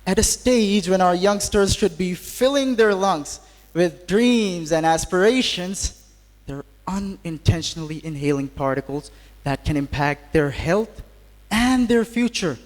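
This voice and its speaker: Male student orator for a podium speech: high voice, formal and theatrical, reverberant hall sound. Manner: formal, theatrical oratory with wry rhetorical asides. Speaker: student speaker at a school assembly. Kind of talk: podium speech, scripted and rhetorical. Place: large hall at a school assembly. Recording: echoey hall with long reverb.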